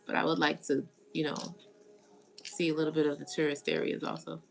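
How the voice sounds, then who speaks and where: A woman's voice: low-pitched, flat delivery, fairly quick, vocal fry. A woman from the United States hosting a tarot live stream, chatting casually and greeting viewers as she reads their comments. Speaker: tarot reader.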